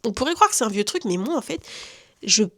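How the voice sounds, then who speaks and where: A woman's voice: fairly high pitch, quick pace. A young woman from France telling a personal story in casual slang, acting out what people said. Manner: chatty, lively slang, acts out quotes. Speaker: vlogger giving testimony.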